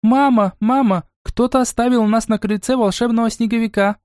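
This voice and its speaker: A man reading an audiobook and voicing a shouting, anxious little girl of about seven. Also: very high voice, fairly even intonation, a little fast, no room sound, studio quality, voice pushed up. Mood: excited. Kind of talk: audiobook character voice.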